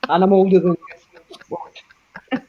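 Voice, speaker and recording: A man in his fifties with a high voice, ribbing his mates and laughing at his own jokes. The recording sounds dull and lo-fi. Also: little pitch movement, a little slow. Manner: teasing, laughs often. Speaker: regular in a chat among friends. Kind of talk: casual banter.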